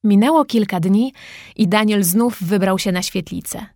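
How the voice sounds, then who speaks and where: A woman narrating a children's story in a calm, measured and gently expressive way. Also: mid-range voice, no echo, clean studio sound.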